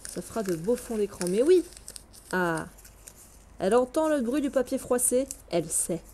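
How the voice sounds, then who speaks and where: A woman's voice: fairly high pitch, expressive, moderate pace, warm tone, a little hiss or hum. A woman giving casual, chatty gameplay commentary at home on a headset, gushing and exclaiming and chatting to her cat between bits of play. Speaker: let's play gamer. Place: home room, indoors.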